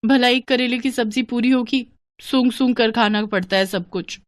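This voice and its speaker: A woman's voice: on the high side, normal speed, no room sound, pitched above the performer's own voice, lightly acted. A woman voicing a put-upon young daughter-in-law in a cartoon, complaining and pleading in a raised voice. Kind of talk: cartoon voice acting.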